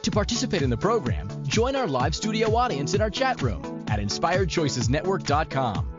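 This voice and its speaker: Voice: mid-range voice, very animated, moderate pace. An announcer reading a scripted show intro in an upbeat way. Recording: dull lo-fi voice-over with music behind.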